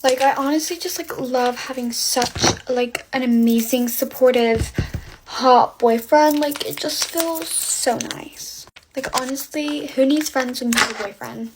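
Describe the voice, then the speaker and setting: A young woman telling a get-ready-with-me storytime while doing her makeup, gushing and filling every pause with "like". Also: high-pitched, background noise. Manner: gushing, filler-heavy valley-girl chatter.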